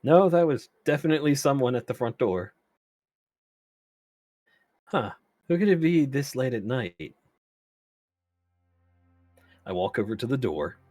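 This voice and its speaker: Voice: mid-range voice, sing-song, moderate pace, pauses often, darkish tone, no echo, studio quality, soft background music. A narrator giving a dramatic first-person reading of a romance story, with casual asides.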